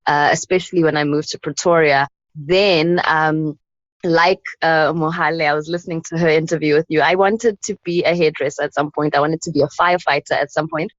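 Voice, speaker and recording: A woman in her thirties, a guest telling stories from her childhood in a reflective way, thinking aloud with soft fillers. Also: deep voice, steady tone, brisk, no room sound. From South Africa. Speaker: guest, anthropologist and poet. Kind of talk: casual interview conversation. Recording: dull, lo-fi and dry.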